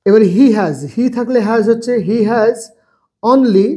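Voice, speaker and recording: Slow, drilling male grammar teacher. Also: extremely high pitch, steady tone, warm tone. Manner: slow, spells words letter by letter; repeats phrases for drilling. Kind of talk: bilingual grammar lesson.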